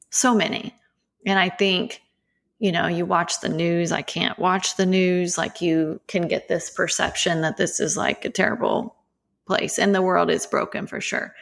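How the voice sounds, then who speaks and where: A woman, a podcast co-host, talking earnestly in a halting, casual way and sometimes dropping to a soft near-whisper. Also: on the low side, vocal fry.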